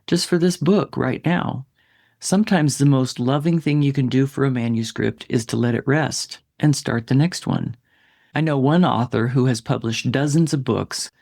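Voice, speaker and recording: Male writing coach for a solo podcast, gentle and reassuring, a bit of grit in the voice, dry close sound. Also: medium pitch, creaky, no echo. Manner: gentle, reassuring, speaks directly to listener.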